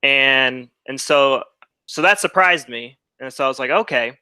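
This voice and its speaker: A man in a casual debate, heard over a video call, explaining in a halting way and repeating his words. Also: mid-range voice, bright, forceful tone, smooth, no echo. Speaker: debate participant.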